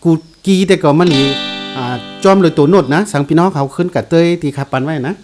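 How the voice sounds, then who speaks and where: Man teaching guitar chords over playing. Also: a little high. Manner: explains slowly, repeats note names while playing. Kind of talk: casual music lesson. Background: guitar played along.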